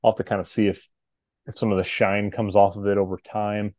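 A man in his thirties co-hosting a podcast, thinking out loud in casual chat. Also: fairly low pitch, little pitch movement, brisk, dry recording, clean studio sound. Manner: thoughtful, hesitant, restarts sentences. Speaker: podcast co-host.

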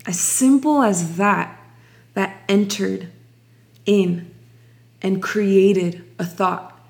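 Slow, reflective young woman from Ukraine. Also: medium pitch, vocal fry, darkish tone. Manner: slow, reflective, many restarts. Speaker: guest sharing testimony. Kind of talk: personal testimony interview.

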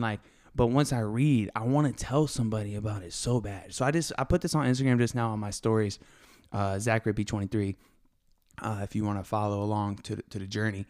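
Young man, podcast host, smooth resonant voice, excited and slightly breathless, rambling casual talk. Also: on the low side. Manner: hyped, rambling, many fillers. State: a little out of breath. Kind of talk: casual faith podcast monologue.

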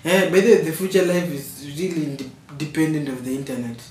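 A man's voice: on the high side, quick pace, darkish tone. A young Kenyan man in a casual, slangy debate, switching between Swahili and English in a Kenyan accent. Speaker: podcast co-host. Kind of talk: casual chat. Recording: roomy, distant mic, faint noise.

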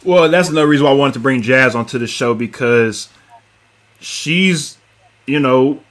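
A man's voice: mid-range voice, normal speed, a bit bright. A man hosting a casual podcast, steering the talk to the next topic. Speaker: host.

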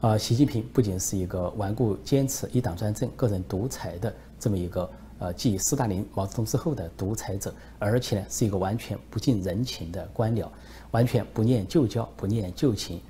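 A man delivers solo political commentary, pressing his points with emphasis and filling pauses with frequent "uh"s. His voice sits on the low side and sounds mellow. A faint hum runs under the recording.

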